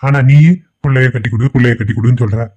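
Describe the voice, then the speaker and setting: A man voicing a greedy middle-aged village thief, gruff and boastful. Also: medium pitch, fairly even intonation, quick pace, a little mellow, lightly acted. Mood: scheming. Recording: dull lo-fi audio.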